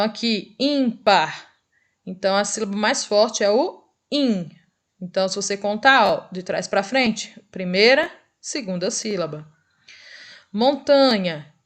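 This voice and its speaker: A woman teacher with a Brazilian Portuguese accent giving a recorded review lesson, patient, checking in often with short tag questions and drawing out example words slowly. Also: mid-range voice.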